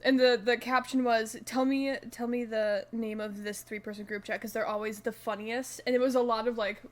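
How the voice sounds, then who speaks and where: A young woman co-hosting a casual podcast, loud and animated, swearing freely as she tells stories. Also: a little high, normal speed. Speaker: podcast co-host. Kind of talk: casual chat.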